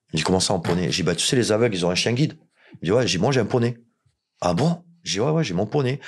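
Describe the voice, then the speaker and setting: A man from France, a podcast guest, telling stories in casual chat, blunt and joking with plenty of swearing. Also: medium pitch.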